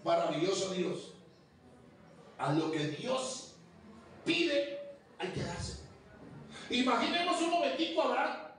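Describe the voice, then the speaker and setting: High-voiced pastor preaching in an echoey hall. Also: male voice, expressive, a bit bright, a little hiss or hum. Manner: emphatic, rhythmic preaching with drawn-out phrases. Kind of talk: sermon. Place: church hall. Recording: very echoey hall, voice far from mic.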